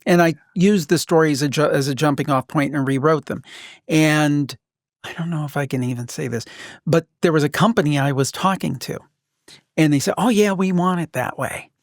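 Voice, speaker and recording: Fairly high-pitched and moderately paced, this male podcast host interviews in a conversational manner, sharing asides of his own, in a dry, clean studio recording.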